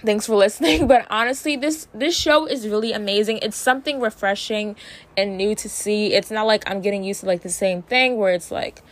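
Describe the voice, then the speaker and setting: A woman's voice: medium pitch, fairly quick. A young adult woman hosting a casual, opinionated chat to listeners, stumbling slightly with a jaw sore from tightened braces. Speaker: host of a show recapping and reviewing TV series.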